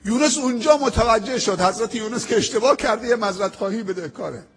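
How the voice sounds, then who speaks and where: A man preaching a sermon with a high, husky voice. He tells the story emphatically, with dramatic pauses, and slows right down when he quotes prayers.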